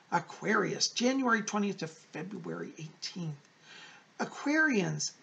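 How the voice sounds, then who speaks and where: A man's voice: sits high, gravelly, fairly bright tone. A man reading weekly horoscopes like a fortune teller, effusive, encouraging and emphatic, speaking straight to his viewers.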